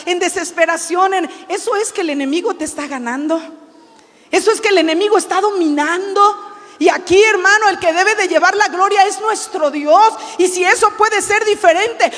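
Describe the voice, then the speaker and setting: High-voiced fervent woman preacher, hall echo. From Mexico. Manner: fervent, rises to shouting for emphasis. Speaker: pastor. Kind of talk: preached sermon. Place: large church hall. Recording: long hall reverb.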